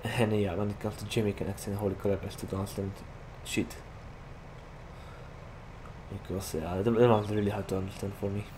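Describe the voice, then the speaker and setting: A young Slovak man with a Slovak accent comments on his gameplay as a gaming YouTuber, rambling and chatty with heavy use of "like." His voice is lowish and steady, fairly quick, with frequent pauses, and game vehicle noise sits behind it.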